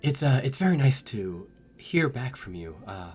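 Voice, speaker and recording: A man voicing a friendly, caring woman ship captain in a tabletop game, speaking haltingly with many fillers. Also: medium pitch, sing-song, a little mellow, soft background music, lightly acted.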